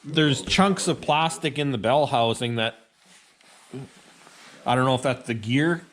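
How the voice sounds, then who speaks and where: Slow, halting man. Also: medium pitch, a bit bright. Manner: slow, halting, restarts mid-sentence. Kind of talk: casual chat.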